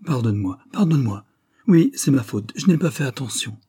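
A man's voice: mid-range voice, brisk, warm tone, husky, close to an everyday voice. A man voicing a dignified, wounded young woman. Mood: earnest. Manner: earnest, restrained.

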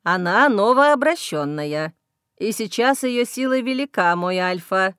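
A woman reading an audiobook voices a plump, gentle female werewolf who speaks softly and calmly. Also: mid-range voice, no room sound, studio quality. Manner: soft, measured.

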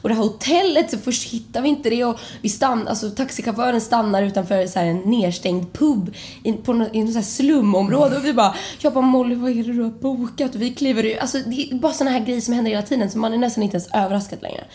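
A young woman telling a chaotic travel story in a casual chat, her voice jumping high as she acts out the panic. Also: hardly any pauses. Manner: animated, jumps to high excited pitch when retelling panic. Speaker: podcast host.

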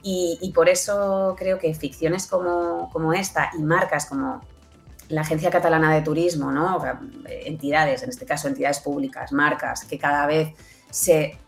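A woman with a Spanish accent, an audio fiction producer appearing as an interview guest, explains things conversationally and often checks in with short tag questions. Her voice is low-pitched and gravelly, with fairly even intonation at normal speed, and faint music plays behind her.

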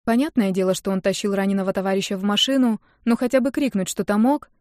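A woman's voice: medium pitch, quick pace, a little mellow, dry recording. Woman narrating an audiobook, dry close sound. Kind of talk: first-person audiobook narration.

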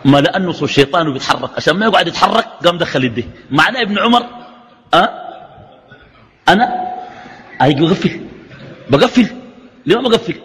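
A man's voice: on the high side, expressive, quick pace, pauses often, a bit bright, a little hiss or hum. A man with a Sudanese Arabic accent teaching a religious lesson, arguing through a stream of rhetorical questions. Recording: echoey hall reverb.

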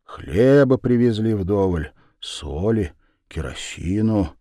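A man narrating a fairy tale in a slow, lively storytelling manner. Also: lowish voice, no echo, studio quality.

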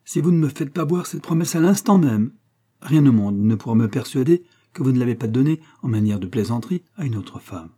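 A man voicing a jealous, sharp-tongued middle-aged widow in a storybook reading, speaking shrilly and vehemently. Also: medium pitch, expressive, fairly quick, husky.

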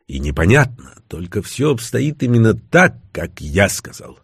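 An audiobook narrator voicing a weary older male ex-KGB official, speaking in a measured, rueful way. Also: on the low side, sing-song, vocal fry, husky, no room sound, clean studio sound, full character voice. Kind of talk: audiobook character reading.

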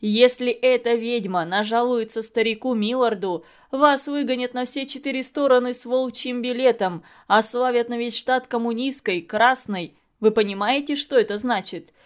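A woman reading as a loud bullying burly man. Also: on the high side, normal speed, hardly any pauses, close to an everyday voice. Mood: scolding. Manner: shouting, coarse. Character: burly blustering middle-aged man, bullying.

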